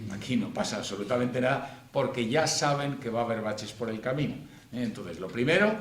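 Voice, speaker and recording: A middle-aged man, a financial coach, giving a chatty conference talk and acting out little quoted dialogues as he goes. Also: medium pitch. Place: conference room. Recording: echoey hall with faint noise.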